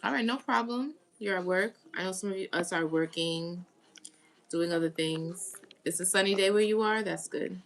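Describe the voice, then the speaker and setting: Gravelly-voiced woman chatting on a live stream. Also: lowish voice, moderate pace. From United States. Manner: chatty, greets viewers and reads comments aloud. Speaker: tarot reader. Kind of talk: casual live-stream chat.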